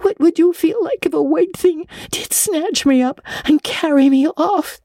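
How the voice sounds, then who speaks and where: A woman voicing an imaginative, excitable and fearful young girl in a storybook, with a breathless, earnest and dramatic manner. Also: high voice, a little slow, no room sound, clean studio sound, voice pushed up. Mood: sobbing, pleading.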